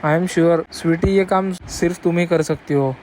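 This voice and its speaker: A woman's voice: lowish voice, fairly even intonation, a little slow, darkish tone, a little hiss or hum, pitched below the performer's own voice, lightly acted, rough recording. A woman voicing a fussy young man who complains and grumbles about being teased. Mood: complaining. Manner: complaining, exasperated.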